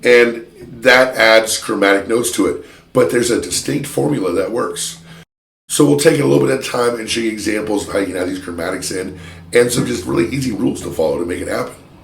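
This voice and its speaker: A man teaching a guitar lesson in a chatty, self-deprecating way, pausing to play examples. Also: fairly low pitch, gravelly. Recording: roomy sound with loud guitar playing. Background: electric guitar playing.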